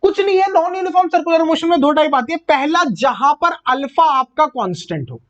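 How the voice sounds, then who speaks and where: Brief: male physics tutor, high voice, call-and-answer revision style, muffled lo-fi track. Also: expressive, a bit bright. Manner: asks himself questions and answers them, calls students "beta" and "sir"; repeats key terms slowly, one word at a time. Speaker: physics teacher. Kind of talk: exam revision lecture. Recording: muffled lo-fi recording.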